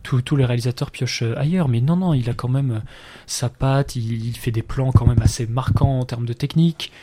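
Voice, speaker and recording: Male host for a casual film chat. Husky, mellow voice, relaxed delivery. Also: mid-range voice, brisk. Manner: relaxed, conversational presenter. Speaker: radio show host.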